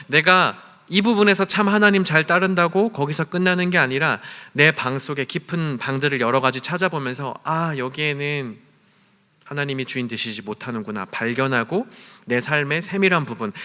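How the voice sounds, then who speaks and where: Bright-voiced man preaching in a hall. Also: medium pitch. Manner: storytelling, acts out quoted lines with shouts and whispers. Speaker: youth group pastor. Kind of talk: sermon. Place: church hall. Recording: long church hall reverb.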